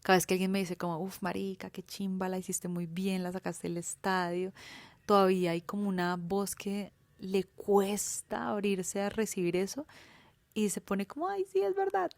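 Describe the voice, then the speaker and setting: A woman's voice: mid-range voice, little pitch movement, moderate pace, no echo. A young Colombian woman with a Colombian accent, speaking candidly and colloquially in a reflective personal monologue as a podcast host, swearing freely.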